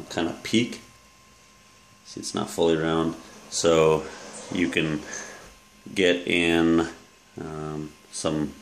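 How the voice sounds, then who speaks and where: A man in his thirties, a fitness coach, casually walking through his gym bag in a relaxed, rambling way with many fillers, filmed at arm's length in a small room. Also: rumbling low, creaky, a little hiss or hum. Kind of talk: casual gear walkthrough vlog. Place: small room with yellow walls, indoors. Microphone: handheld camera at arm's length.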